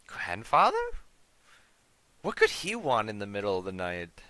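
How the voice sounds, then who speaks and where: A man plays a story game and reads its text aloud at a measured pace. Between passages he drops into crude, swearing remarks. His voice is bright and crisp, recorded dry and close. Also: lowish voice, wildly swooping pitch, no room sound, rough recording. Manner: measured reading broken by swearing asides. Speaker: gaming channel host. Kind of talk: reading game text aloud with cursing commentary.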